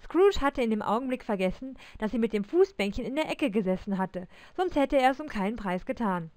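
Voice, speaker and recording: A woman reading a classic Christmas story aloud in German, narrating with expressive, lively delivery. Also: a little high, fairly quick, no room sound.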